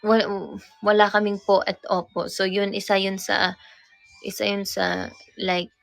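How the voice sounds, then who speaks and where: With faint music in the background, a young woman from Cebu, Philippines hosts a relaxed livestream through a phone or camera mic. Her medium-pitched voice has vocal fry and a fairly bright tone, delivered flatly at a measured pace. Speaking with a Cebuano accent, she patiently explains Bisaya words, often repeating and correcting herself.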